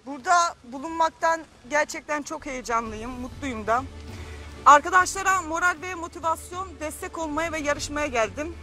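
A woman's voice: high voice, moderate pace, sharp tone, faint music behind. A young woman contestant answering a host's questions, a little shy and giggly. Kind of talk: on-camera interview answers.

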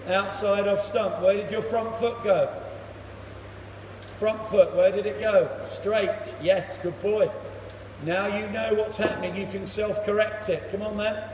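A man coaching a young batter one-to-one in an indoor cricket net, giving brisk instructions and praise. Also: sits high. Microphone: camera across the net, far off. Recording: echoey hall, voice from far off, loud noise.

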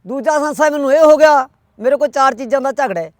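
A man's voice: very high-pitched, fast, dry recording, clean studio sound. A man voicing a troubled old king who explains his worries at length to his daughter.

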